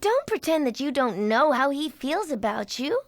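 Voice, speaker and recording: A woman voicing a friendly, earnest young woman in an anime dub, speaking in a sweet, confiding, expressive way. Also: high voice, moderate pace, dry recording. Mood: wistful. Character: young woman hotel guest, friendly, earnest, romantic-minded.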